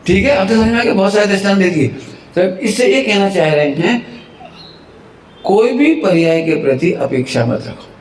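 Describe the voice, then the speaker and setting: Animated male preacher in an echoey hall. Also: high-pitched, normal speed, slight background noise. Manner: animated storytelling, acting out household quarrels; chuckles often at his own examples. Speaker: Jain preacher. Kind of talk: devotional sermon. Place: temple hall. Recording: echoey temple hall with faint ambience.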